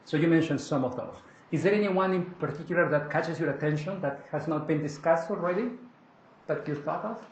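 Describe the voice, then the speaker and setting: A man's voice: fairly high pitch, a little fast. Peruvian-accented man leading a seminar. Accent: Peruvian Spanish. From Peru. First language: Spanish. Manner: animated, asks the room, often tags "correct?". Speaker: workshop leader. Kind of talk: interactive seminar teaching. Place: seminar room. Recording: echoey room, faint noise.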